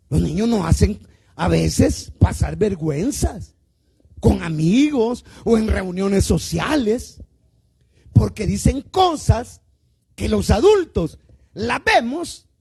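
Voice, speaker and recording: Very high-pitched and husky, with vocal fry, a male pastor speaking with a Salvadoran Spanish accent delivers a sermon at church. He keeps calling people "hermano" and asking them questions, elongating words for emphasis as his volume rises and falls.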